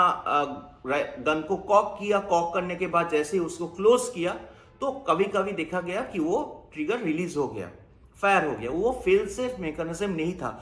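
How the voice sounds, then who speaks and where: A man with a high voice walks through an air rifle's trigger mechanism in a patient, explanatory way. He mixes English technical terms into his talk. His voice rings in an echoey room. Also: fairly bright tone. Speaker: air gun reviewer. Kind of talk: technical product review.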